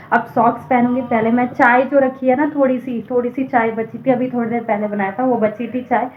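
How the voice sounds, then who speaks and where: A woman's voice: a little high, slight background noise. Chatty woman vlogging on a tinny phone. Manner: chatty, rambling, talking straight to viewers. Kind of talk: casual vlog chat to camera. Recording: echoey room on a tinny phone mic.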